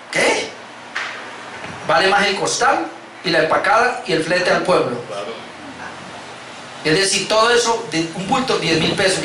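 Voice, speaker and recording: Man, Colombian Spanish accent, sermon, scripture reading with asides, bright tense voice, distant mic. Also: high voice, slight background noise. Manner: reads verses aloud with rising emphasis and asides. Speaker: pastor. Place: church hall. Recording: echoey hall, mic at a distance.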